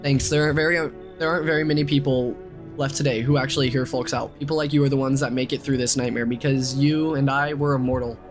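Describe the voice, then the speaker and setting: A man's voice: mid-range voice, steady tone, fast, music in the background, close to an everyday voice. A man voicing a desperate, conspiracy-minded father on the run in a game, urgent and earnest. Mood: grateful, fervent.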